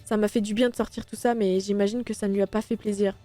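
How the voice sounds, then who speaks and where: A woman streamer reading a visual novel game aloud, voicing every character in turn with a lightly animated delivery. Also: mid-range voice, fast talker, soft background music. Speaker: let's play streamer.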